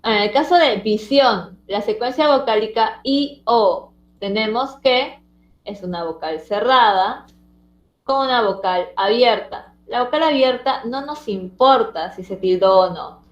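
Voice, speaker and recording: A woman's voice: a little high, expressive, a little slow. A woman teacher explaining a language lesson step by step and often checking that her students follow. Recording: roomy, dull lo-fi sound.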